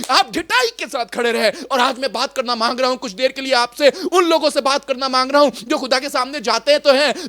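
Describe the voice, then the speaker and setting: A man's voice: very high voice, pushed and bright. A man with an Indian accent preaching a fervent sermon as pastor, moving between Hindi and English.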